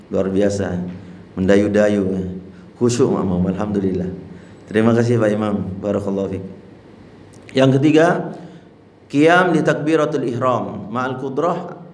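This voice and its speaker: A man's voice: on the low side, darkish tone, reverberant, slight background noise. A male Islamic teacher giving a religious lesson on prayer, explaining plainly and breaking into chanted demonstrations. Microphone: handheld mic.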